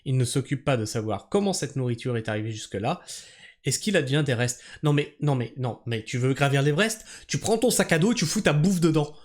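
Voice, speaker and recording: A man's voice: medium pitch, expressive, fairly quick. A man reading a news article aloud and breaking off into sarcastic, profane rants about it. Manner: sarcastic, profane, exasperated asides. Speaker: commentator reacting to a news article.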